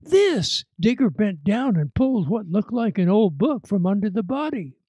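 A man telling a frontier tale aloud in a dramatic, lively storytelling manner. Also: high-pitched, normal speed, slightly rough, no echo. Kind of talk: told tall tale.

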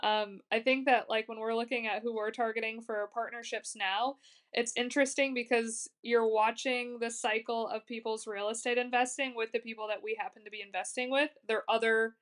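A woman's voice: a little high, steady tone, normal speed, a bit bright. A woman in her twenties hosting a podcast, chatting casually with lots of "like" fillers and easy laughs. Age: 20s. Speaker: podcast host.

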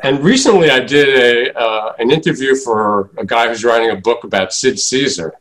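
A man's voice: mid-range voice, normal speed, a bit bright, low-quality recording. Man telling showbiz memories in a loose chat, hesitant and rambling, mid-range voice. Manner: rambling, many filler "uh"s. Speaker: guest, former comedy writer and producer. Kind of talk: casual reminiscing chat.

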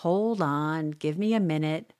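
A woman's voice: deep voice, unhurried, no room sound. Woman doing a dry, teasing old husband. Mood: grumbling. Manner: gruff deadpan teasing.

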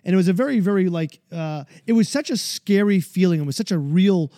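A man in his forties with a high, mellow voice talks through his own story in an earnest, searching way. He often reaches for the right words. The sound is dry and close. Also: fairly quick, no room sound. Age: 40s. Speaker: speaker sharing his mental health story. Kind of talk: personal storytelling monologue.

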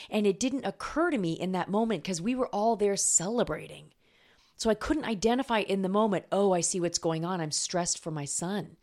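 A woman's voice: medium pitch, a little mellow. Earnest woman coach hosting a podcast. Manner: earnest, personal storytelling. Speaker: podcast host and weight-loss coach. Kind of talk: solo podcast monologue.

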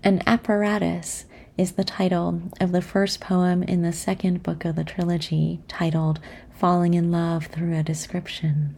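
A woman hosting, giving a measured, earnest scripted introduction to poems. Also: on the low side, level tone, creaky, a little mellow.

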